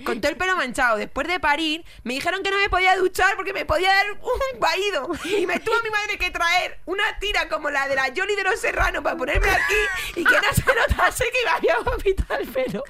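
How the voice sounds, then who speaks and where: A woman's voice: extremely high pitch, lively intonation, a little fast, hardly any pauses. A woman with a Madrid Spanish accent telling a story in casual chat, swearing, laughing and acting out quotes.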